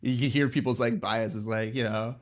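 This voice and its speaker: A man's voice: mid-range voice, fairly even intonation, normal speed. Give me a man with a Midwestern American accent, rambling casually to his live chat and laughing often. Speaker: streamer.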